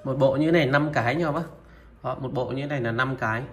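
A man presenting used Japanese goods for sale, item by item, in a steady and repetitive way. He talks to viewers familiarly and fills his pauses with filler sounds. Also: medium pitch, music in the background. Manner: steady, repetitive, opens nearly every line with a pointing word. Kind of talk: product showcase sales talk.

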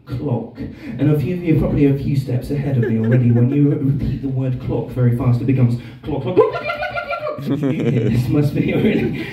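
A man's voice: medium pitch, fairly quick, hardly any pauses. A young man doing playful live comic banter as a beatboxer, leading the audience and laughing often. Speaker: beatboxer teaching the crowd. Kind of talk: live comedic stage banter. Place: club stage with a live audience. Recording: echoey club, distant, crowd noise.

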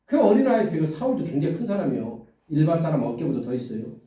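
A man preaches a sermon in a high, animated voice, full of swings in pitch. He keeps tossing questions to the congregation and acts out the voices of the story. His mellow tone echoes heavily through a church hall, picked up from a distance. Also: quick pace. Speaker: pastor. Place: church sanctuary.

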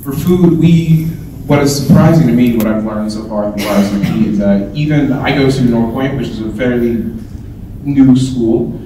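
Filmed by a far-off camera in a large indoor hall with a projector screen, a young man presents earnestly at a conference as a student speaker. Holding a handheld mic, he explains his material with frequent "um"s in a mid-range, dark-toned voice at normal speed. The hall echo is roomy, and there's slight background noise.

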